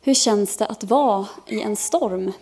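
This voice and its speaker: A woman preaching during a church service reads a children's Bible story aloud. She tells it expressively, with a voice of ordinary pitch for a woman. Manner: expressive storytelling, lifting her voice for characters' cries. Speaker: pastor.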